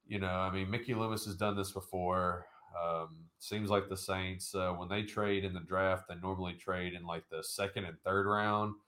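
A man's voice: deep voice, fairly bright tone. A man co-hosting a casual sports podcast, talking in a rambling way with lots of fillers and hedges. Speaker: podcast co-host.

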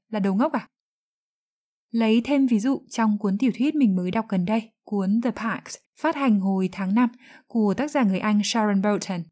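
Calm woman teaching English phrases. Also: medium pitch. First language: Vietnamese. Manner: calm, clear, careful enunciation of English examples. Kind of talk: explaining English phrases in a lesson.

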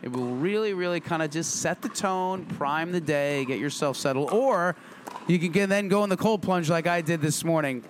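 A man's voice: a little high, moderate pace, slight background noise. Upbeat repetitive podcast host man. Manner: upbeat, emphatic, repeats phrases. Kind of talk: casual motivational podcast chat.

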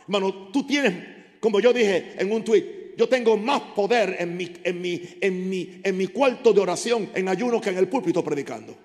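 Fervent high-voiced preacher in a reverberant hall. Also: male voice, normal speed. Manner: fervent, shouting, speaking in tongues. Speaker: pastor. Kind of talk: sermon. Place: church hall. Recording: church hall with long reverb.

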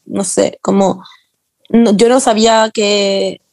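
A young woman with a Chilean accent co-hosts a podcast, chatting casually among friends, rambling, using lots of slang, and laughing often. Her mid-range voice is a little mellow, with flat delivery and a slow pace. There's no room sound.

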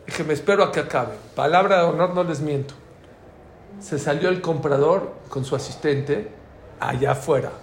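At a moderate pace and fairly high pitch, a middle-aged man with a Mexican Spanish accent shares anecdotes in an informal religious class. He acts out the conversations with storytelling energy, and faint ambient noise fills the echoey room.

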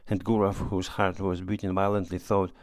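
A man narrating a classic story as an audiobook reader, in a steady, measured manner. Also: deep voice, dry recording.

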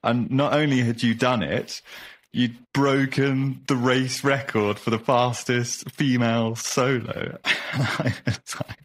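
A man's voice: mid-range voice, fairly even intonation, takes it slowly. A man hosting a podcast, talking in an enthusiastic, effusive way in a casual interview chat. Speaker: podcast host.

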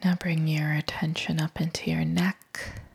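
A woman whispers her way through a guided body-scan meditation, calm and unhurried. Her voice is slow and low-pitched, with a breathy, gravelly grain.

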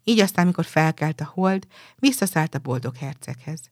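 A woman reading a fairy tale aloud in a calm, even storytelling manner. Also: sits low, no room sound, clean studio sound.

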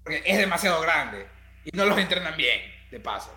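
Bright-voiced man in an echoey room. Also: a little high, big pitch swings, a little fast. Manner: laid-back, slangy. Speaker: podcast co-host. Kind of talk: casual podcast chat.

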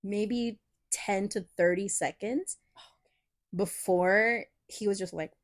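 A young woman co-hosts a casual podcast and tells a story. Her voice sits at an ordinary middle pitch. She talks in a loose, profane, animated way and speeds up when the story gets going. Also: slow. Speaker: podcast co-host.

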